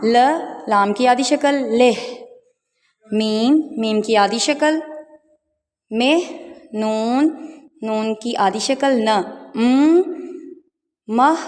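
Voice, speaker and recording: A woman teaching the Urdu alphabet, calmly naming each letter and its half forms one at a time. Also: a little high, big-room sound. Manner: patient, spells out letters one by one. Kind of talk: slow teaching walkthrough of letters.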